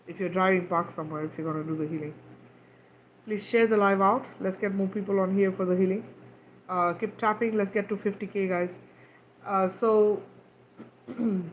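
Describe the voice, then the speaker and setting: This livestream features a spiritual healer who grew up in Kenya, guiding healing and talking in a rambling, repetitive way while checking in with "right?". Her voice is medium-pitched, and the poor-quality audio carries a little hiss or hum.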